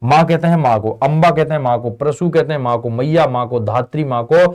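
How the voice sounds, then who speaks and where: Brisk and darkish in tone, this mid-range male voice leads an online exam-prep lesson for an Indian tutoring channel. He keeps things casual with call-and-response drilling, answering his own questions and calling his students beta and bhai.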